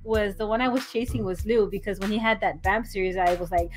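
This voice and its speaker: A woman voice actor chatting casually on a podcast, talking quickly and laughing, often restarting her sentences. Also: medium pitch, soft background music.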